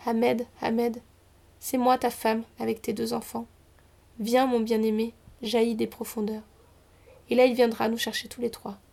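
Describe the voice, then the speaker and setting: A woman's voice: on the high side, monotone, unhurried, vocal fry, darkish tone. A woman voicing a loving young wife in a folk tale, speaking in a soothing, tender way. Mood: calm. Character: young wife of a river lord, loving and gentle.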